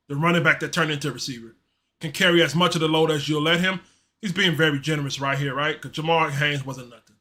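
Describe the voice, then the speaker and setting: A man hosting a casual live-stream sports show, talking in a loose, slangy, animated way and reading chat messages aloud. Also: on the high side. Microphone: streaming mic.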